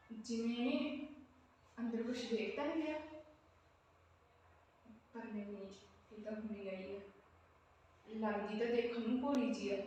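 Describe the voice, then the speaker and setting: A woman's voice: on the high side, darkish tone, slight background noise, natural voice. An actress playing a secretive, suspicious landlady who snaps at her tenants. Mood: brooding. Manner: snappish, defensive. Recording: echoey room, voice from far off.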